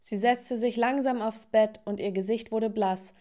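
A woman's voice: fairly high pitch, fairly even intonation, measured pace, mellow. Young woman narrating a dramatic story. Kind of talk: first-person story narration.

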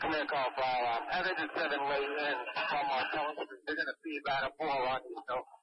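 A man's voice: mid-range voice, fairly even intonation, fast talker, muffled recording. A man giving terse, directive orders as a firefighter over a two-way radio. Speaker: firefighters on scene, commanding and responding. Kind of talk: fireground radio traffic. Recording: very noisy fireground radio audio.

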